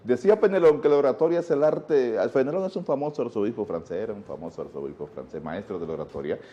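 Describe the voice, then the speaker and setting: On a dull, lo-fi TV interview recording, a Dominican guest teacher explains his subject with patient lecturing and rhetorical questions. He talks fast in a mid-range voice that is mellow and dark.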